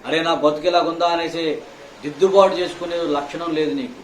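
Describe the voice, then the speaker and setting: Fast, scolding male preacher in an echoey hall. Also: fairly even intonation, recorded from a distance. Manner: scolding, firing rhetorical questions at listeners; swings between loud outbursts and hushed low phrases. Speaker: pastor. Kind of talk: sermon. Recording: echoey hall, faint room noise.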